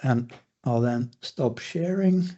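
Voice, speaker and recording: A man's voice: mid-range voice, takes it slowly, mellow, lo-fi sound. Man moderating a webinar over a video call. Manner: formal, wry asides.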